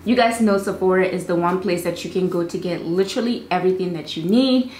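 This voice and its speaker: A young woman beauty vlogger chats casually to camera about products from her indoor home filming studio, bubbly and chatty with fast asides. Her voice sits on the low side and is a little mellow. The studio sounds roomy with faint ambience and slight background noise.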